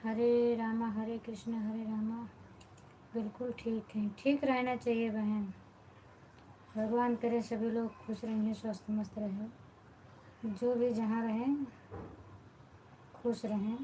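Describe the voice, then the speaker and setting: A woman hosting a late-night live stream at home keeps her voice low while others sleep. She talks slowly, in a fairly high but flat tone. A faint hiss of background noise runs under her voice. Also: low-quality recording. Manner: warm greetings, devotional blessings to viewers. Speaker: live-stream host chatting with viewers. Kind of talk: casual live chat.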